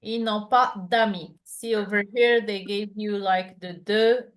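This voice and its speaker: A woman tutors a single student over a video call. She explains patiently, pausing often with fillers and restarting her sentences. Her voice sits at an everyday middle pitch. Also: fairly even intonation. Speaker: French tutor. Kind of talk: online one-to-one lesson.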